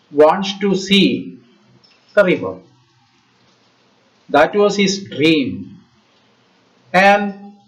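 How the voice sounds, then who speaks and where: A male school teacher with a Malayalam Indian English accent gives a didactic lesson to schoolchildren in short halting phrases, often asking questions. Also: on the high side. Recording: slightly dull lo-fi audio.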